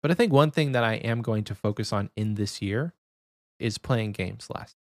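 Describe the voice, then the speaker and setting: A man's voice: fairly low pitch, moderate pace, dry recording, studio quality. A young adult man co-hosting a podcast in casual chat, keeping his voice down. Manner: talking quietly to avoid waking someone. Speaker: podcast co-host.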